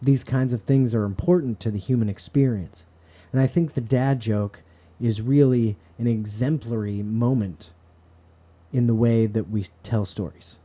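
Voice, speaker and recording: Dark-voiced man musing earnestly. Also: medium pitch, a little slow. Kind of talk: reflective spoken monologue to camera. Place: bedroom. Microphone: camera set up in front of him.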